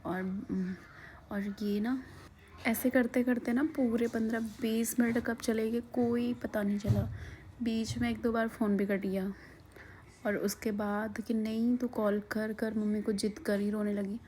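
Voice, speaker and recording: A woman casually narrating a vlog, often slipping into a soft whisper and laughing. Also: on the high side, level tone, a little slow, slight background noise. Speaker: vlogger.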